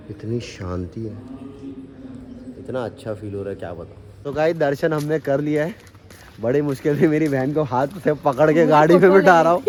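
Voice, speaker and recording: A man hosting a casual family vlog, chatting and talking to his viewers. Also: fairly high pitch. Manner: chatty, keeps addressing viewers as guys. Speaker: vlogger host. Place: temples and outdoors on a family outing.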